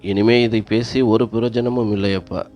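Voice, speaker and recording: Brief: cold, dismissive grown son, read by a low-voiced male narrator, storybook telling. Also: steady tone, a little slow, darkish tone, soft background music, close to an everyday voice. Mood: impatient, scornful. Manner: irritated, dismissive.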